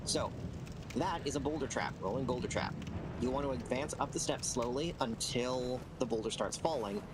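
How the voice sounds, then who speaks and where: A man casually guiding another player through a video game, giving patient, measured explanations and instructions. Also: medium pitch, heavy background noise. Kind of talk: casual game walkthrough chat.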